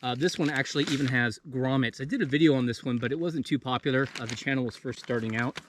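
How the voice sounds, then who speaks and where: Out in the open, a man in his thirties hosts an outdoor video channel, chatting to viewers in a loose, freestyle vlog manner. He has a mid-range voice and talks fast, and the field recording is noisy.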